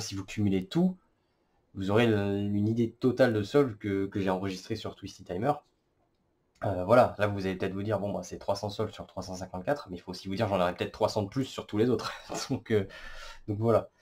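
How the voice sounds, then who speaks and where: Male vlogger, lowish voice, halting casual commentary with lots of fillers. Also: darkish tone. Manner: hesitant, many fillers and self-corrections. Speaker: cubing vlogger. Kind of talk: casual screen-recorded commentary.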